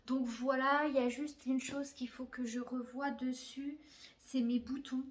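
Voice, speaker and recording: A woman's voice: sits high, flat delivery, a little slow. A young woman chatting casually about her crochet projects, with many fillers and blunt slangy asides. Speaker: crafting podcaster. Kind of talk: casual chat. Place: her bedroom.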